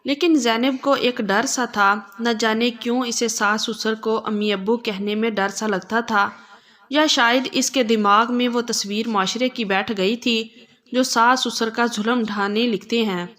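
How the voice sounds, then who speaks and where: Woman narrating a story, fairly high voice. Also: fairly even intonation, fairly bright tone.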